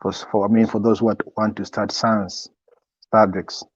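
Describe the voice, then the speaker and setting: A young man in a casual interview, giving advice as a student guest in a halting way, often repeating his words. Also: lowish voice, flat delivery, husky. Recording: echoey, dull lo-fi sound.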